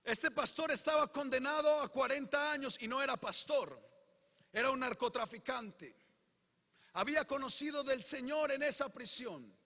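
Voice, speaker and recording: A man preaching his testimony in a very high, bright, tense voice. He moves between hushed retelling and fervent shouting. His words ring with the long reverb of a large church hall. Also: normal speed. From Colombia. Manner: impassioned, swinging from hushed storytelling to shouted proclamation. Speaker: pastor.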